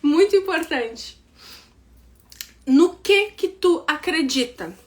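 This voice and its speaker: Woman, high voice, southern Brazilian accent, business mentor, direct, repeats herself, acts out excuses. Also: expressive. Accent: southern Brazilian, Rio Grande do Sul. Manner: direct, repeats points with "tá?" check-ins; acts out quick quoted excuses in a higher voice. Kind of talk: online class to women entrepreneurs.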